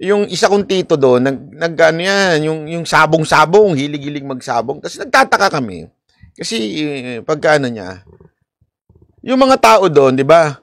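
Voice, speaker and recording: High-voiced animated Filipino commentator. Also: male voice, normal speed, no echo, clean studio sound. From Philippines. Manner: chatty, animated, laughs often, talks straight to viewers. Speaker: political commentary vlogger. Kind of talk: casual commentary.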